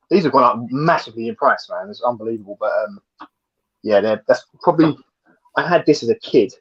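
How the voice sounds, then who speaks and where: Chatty man with a husky voice. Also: medium pitch, lo-fi sound. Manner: chatty, laughs easily. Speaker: guest. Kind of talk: casual live-stream chat.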